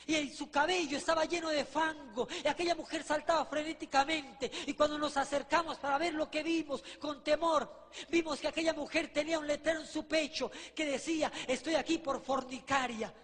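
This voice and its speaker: A man's voice: very high voice, steady tone, brisk, fairly bright tone, in a large hall. A man giving a fervent religious testimony, preaching emphatically with rhetorical questions and scripture quotes.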